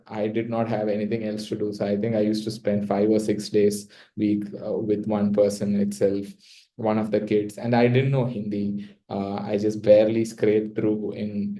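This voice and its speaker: Mellow low-voiced South Indian man. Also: rough recording. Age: young adult. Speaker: interview guest. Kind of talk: reflective personal storytelling in casual talk.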